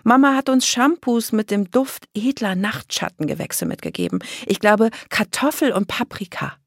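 A woman voicing a sweet, excitable young vampire girl in an audiobook. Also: mid-range voice, moderate pace, no room sound, clean studio sound, voice pushed up. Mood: eager.

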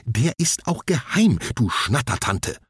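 A man's voice: medium pitch, big pitch swings, measured pace, slightly rough, no room sound, studio quality, voice pushed up, full character voice. A man voicing a strict, scolding female shopkeeper in a children's storybook. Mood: bossy. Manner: scolding, sharp. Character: strict bossy shopkeeper sister.

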